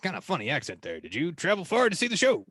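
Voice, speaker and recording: A man's voice: fairly high pitch, huge pitch swings, fast talker, bright, forceful tone, breathy edge, dry recording, studio quality. A man playing a confidently wrong sports reporter in a mock commentary.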